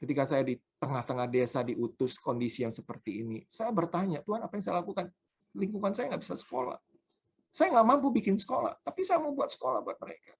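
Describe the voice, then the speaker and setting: A man's voice: a little high, expressive, fairly quick, breathy edge. Emphatic male preacher telling stories. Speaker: pastor. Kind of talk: sermon.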